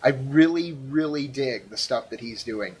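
An American man co-hosting a casual podcast, talking excitedly with stammered restarts and frequent laughter. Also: mid-range voice, a little slow, a little hiss or hum. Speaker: podcast co-host. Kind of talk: casual wrestling recap chat.

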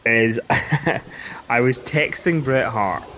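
Scottish man, relaxed storyteller, casual co-host chat, faint background hiss. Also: mid-range voice, slow. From Scotland. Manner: relaxed storytelling with hesitant restarts. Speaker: podcast co-host. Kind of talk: casual wrestling recap chat.

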